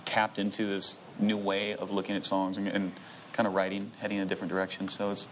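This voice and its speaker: Low, quick-talking band member. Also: male voice, monotone, slight background noise. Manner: easygoing, hedging with "kinda" and "I don't know". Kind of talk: casual talk-show interview.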